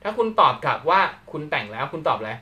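Animated and quick, a medium-pitched man gives a live English grammar lecture, playing out brief question-and-answer exchanges as he teaches.

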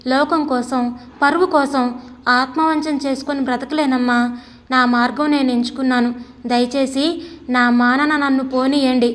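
Resolute young woman, steady and firm, read by a woman narrator, reverby. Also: sits high, normal speed, natural voice. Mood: pleading firm.

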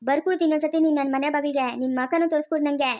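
A performer playing a stern elder brother in a village family drama, shouting curses and threats. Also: high-pitched, steady tone, rapid-fire, close to an everyday voice. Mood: enraged.

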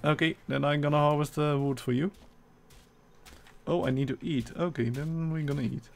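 With a Dutch accent and a voice on the high side with vocal fry, this man from the Netherlands chats through a live gameplay stream at a steady, normal pace. He reads chat aloud, talks with viewers and teammates, and laughs often.

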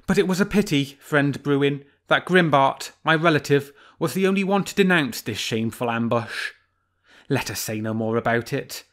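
A cunning male fox from a storybook, talking in a bright, raised voice, as a man puts him on. He is cheery, ingratiating and falsely humble, smooth as can be. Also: medium pitch, animated, normal speed, pitched above the performer's own voice, close to an everyday voice.

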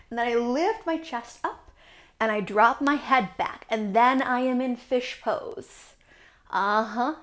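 Playful woman leading kids' yoga. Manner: playful, silly and animated, with sudden high exclamations. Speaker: yoga teacher for young children. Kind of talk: guided kids' yoga lesson.

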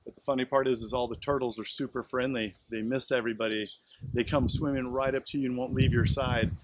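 A man's voice: mid-range voice, fairly even intonation, fast, background noise. A middle-aged man giving a casual video tour to camera as a vlogger, recorded outdoors a few steps from the camera. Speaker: vlogger and dive guide. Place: outdoors at a seaside resort. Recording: music behind the voice.

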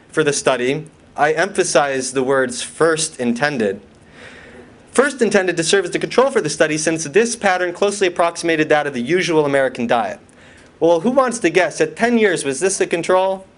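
A man giving a conference lecture from slides, with dry, wry asides, questions to the audience and many fillers and restarts. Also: on the high side.

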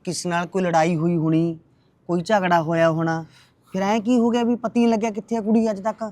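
A man playing a grumbling old village father, suspicious and self-pitying, who talks in a slow, heavy, complaining way. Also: sits high, fairly even intonation, darkish tone, dry recording, lightly acted. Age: older. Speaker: father-in-law.

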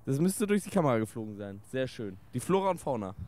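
A young man from Swabia chatting casually as a podcast guest, relaxed and slangy. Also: mid-range voice, fast talker, no room sound. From Swabia, Germany. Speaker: guest, content creator. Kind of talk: casual chat.

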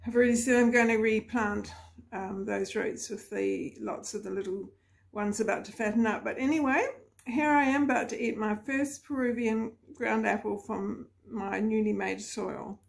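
A woman's voice: a little high, normal speed, gravelly. A woman vlogging casually about her garden, chatty and rambling, often laughing as she talks. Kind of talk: casual chatty vlog to camera. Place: home garden in hot weather.

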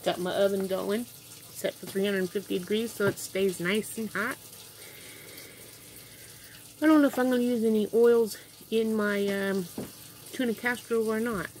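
A woman's voice: medium pitch, steady tone, normal speed, pauses often, darkish tone, a little hiss or hum. An older woman chatting casually as she cooks in her home kitchen, rambling and thinking aloud, sometimes stepping away from the camera mic. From Kansas, USA. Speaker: home cooking vlogger. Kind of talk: casual cooking chat to camera. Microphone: built-in camera mic, moves toward and away. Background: running tap water and kitchen clatter.

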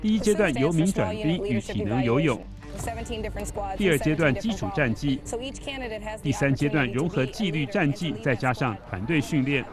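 A male reporter giving steady, explanatory news voice-over narration. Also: on the high side, normal speed, over music.

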